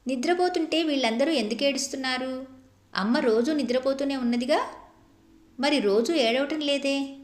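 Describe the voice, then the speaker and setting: A woman voicing a small, curious and innocent girl who keeps asking questions in a high, sing-song voice, in a storybook reading with an echoey room sound. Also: moderate pace, natural voice. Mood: innocent questioning.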